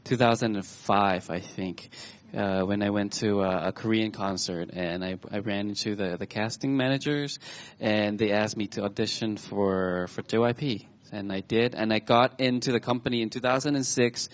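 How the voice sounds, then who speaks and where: A Thai man in his 20s, whose voice sits on the low side, tells the audience personal stories on a stage talk show. He speaks chattily yet haltingly, frequently starting over.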